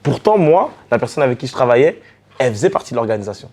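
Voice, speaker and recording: A man from the French Caribbean, a DJ and artist telling stories in a relaxed interview, with many fillers and restarts. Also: medium pitch, racing. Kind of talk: casual storytelling interview.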